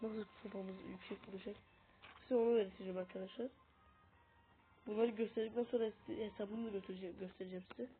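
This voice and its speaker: A gaming video host who is unwell talks casually through a mobile game, teaching it as she plays and calling out to her viewers like friends. Her voice sits at a medium pitch, captured by a tablet's built-in mic in tinny, lo-fi sound with light hiss.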